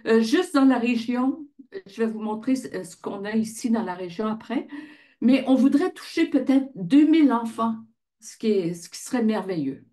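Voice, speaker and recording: Presenting informally and conversationally, a woman who founded a volunteer reading association asks questions and answers them on her own. Her voice is a little high and animated, with a dark tone at normal speed, and she comes from the Ottawa region of Canada.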